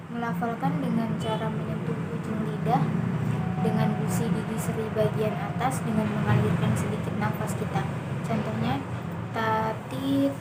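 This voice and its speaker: A woman's voice: a little high, noisy background. Young woman giving a careful recitation lesson. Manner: slow, careful enunciation of letter sounds. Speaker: student presenting a lesson.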